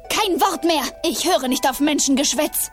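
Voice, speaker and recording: A woman's voice: high voice, normal speed, faint music behind, natural voice. An actress playing a fierce, commanding young forest woman who hates humans, in a dubbed film. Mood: fierce, defiant.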